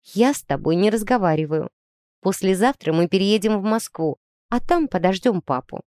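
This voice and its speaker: A young older sister, curt and cold, as a woman narrator voices her in a storybook. The pitch swings widely, and the sound is dry and close. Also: expressive, normal speed, warm tone, no echo, lightly acted. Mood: offended.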